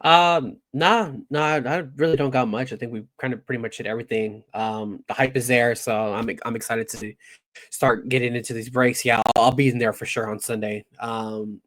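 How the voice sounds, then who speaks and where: Relaxed, hesitant male co-host. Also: mid-range voice, moderate pace, no room sound. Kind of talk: casual chat.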